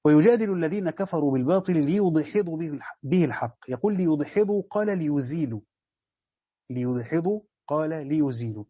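Egyptian male lecturer, husky and quick, slightly higher voice, dull dry lo-fi recording, explains step by step. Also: dry recording. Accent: Egyptian Arabic. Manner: explains step by step, repeats words, addresses students directly. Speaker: Islamic studies teacher. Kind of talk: lesson commentary on a tafsir text.

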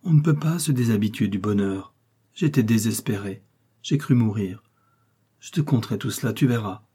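Audiobook character: an impassioned, reproachful young woman, read by a man with a husky, mellow voice. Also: fairly low pitch, normal speed. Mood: pleading. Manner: emotional, pleading, rising and reproachful. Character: desperate pleading young woman, passionate then bitter.

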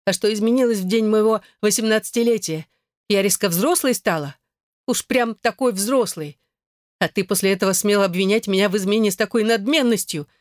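A man reading an audiobook voices an angry young wife who shouts accusations at her husband. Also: sits high, fairly even intonation, a little fast, no echo, clean studio sound, close to an everyday voice. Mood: bitter.

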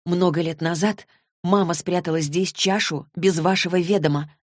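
A woman's voice: on the low side, fairly even intonation, moderate pace, no room sound, clean studio sound, close to an everyday voice. A woman voicing an anxious teenage girl who speaks urgently and pleadingly. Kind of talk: audiobook character reading.

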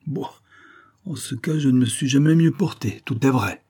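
A man reading a novel aloud, voicing a sly, mocking nobleman who speaks calmly and sneers. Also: mid-range voice, moderate pace, pitched above the performer's own voice, natural voice. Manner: cool and sneering.

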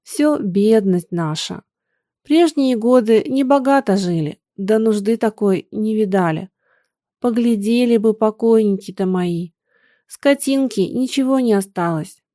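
A woman's voice: fairly high pitch, a little slow, dark tone, no echo, clean studio sound, lightly acted. A woman voicing a poor, grieving peasant mother who speaks in plaintive, sighing folk speech.

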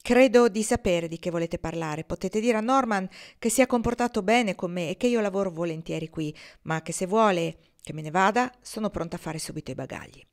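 A woman's voice: on the low side, brisk, hardly any pauses, close to an everyday voice. A woman voicing a blunt, defiant young woman. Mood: defiant, tearful. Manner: blunt, defiant, then tearful and hushed. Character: proud, guarded young woman, a former actress.

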